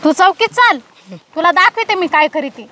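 A woman's voice: very high voice, expressive, sharp tone, heavily acted. A woman playing a bossy police madam. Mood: scolding. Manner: scolding, domineering, rapid-fire questions. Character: strict bossy female police officer, middle-aged. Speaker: police officer in a comedy skit.

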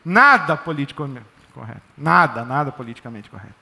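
A man preaching a sermon in a church, lively, conversational and joking. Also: mid-range voice, fairly quick, vocal fry. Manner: lively, conversational, jokey storytelling. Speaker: pastor. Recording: echoey church hall.

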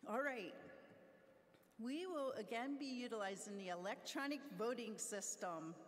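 A woman's voice: fairly high pitch, lively intonation, a little slow. A middle-aged woman giving cheerful instructions at a convention podium, laughing now and then. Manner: upbeat, laughs between instructions. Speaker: convention presenter. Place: large convention hall stage. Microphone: podium microphone. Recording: long hall reverb, faint crowd noise.

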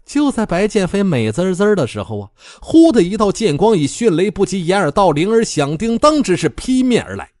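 A man narrating a comic fantasy audiobook in an animated, playful storytelling style. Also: sits high, fairly quick, hardly any pauses, no room sound, clean studio sound.

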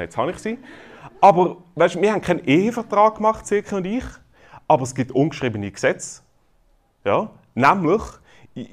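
A man in his thirties with a Swiss German accent, preaching a sermon in a lively, conversational way with humor. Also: mid-range voice. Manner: lively, conversational preaching with frequent "oder?" tags and self-deprecating humor. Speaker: pastor. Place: church.

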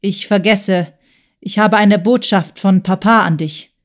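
A tormented, proud male writer in an audiobook, read by a woman. He talks with urgent, strained insistence. The pitch stays at a plain middle level. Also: measured pace, close to an everyday voice. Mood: earnest. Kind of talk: audiobook character voice.

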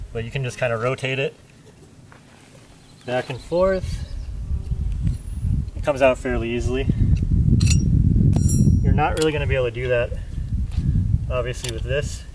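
A medium-pitched man casually tests camping hammers on open dirt ground in the pine woods, explaining plainly and musing aloud as he goes. The gear review is recorded by a camera mic set at a distance, with a faint layer of noise.

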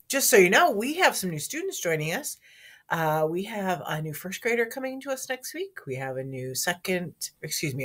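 A woman with a slightly low, hoarse morning voice reads the school morning announcements to a camera. She talks in a friendly, chatty way aimed at young children. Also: fairly bright tone. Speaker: school staff member giving announcements. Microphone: speaking to a camera.

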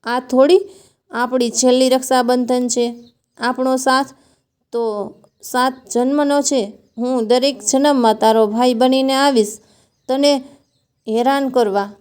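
A woman's voice: high-pitched, steady tone, measured pace, pauses often, a little mellow, clean tone. A woman voicing a caring older brother who comforts his little sister in a tender, teasing way.

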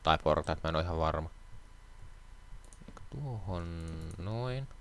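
A man's voice: sits low, expressive, a little hiss or hum. A man hosting a game let's play, chatting casually with jokes and sarcastic banter. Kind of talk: casual gaming chat.

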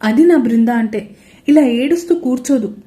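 A woman's voice: on the high side, moderate pace, warm tone, close to an everyday voice. A woman voicing a young sister-in-law who coaxes and encourages a crying friend in an audio story. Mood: encouraging. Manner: coaxing, encouraging.

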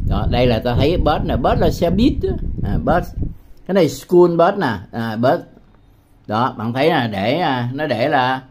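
Slow, patient man from Vietnam. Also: on the high side, noisy background. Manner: slow and deliberate, repeats words, many hesitation sounds. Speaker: English tutor. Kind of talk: slow, patient screen-demo tutorial.

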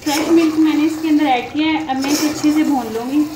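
A woman hosting a cooking channel, calmly narrating a recipe step by step as she cooks in a home kitchen. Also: high voice, fast talker. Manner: calm, methodical, walks through each step. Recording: echoey kitchen with background noise.

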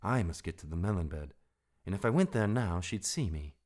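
A man voicing a small, brave male mongoose in a storybook, brisk and impatient, with a scolding manner. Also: deep voice, animated, a little mellow. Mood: exasperated, urgent.

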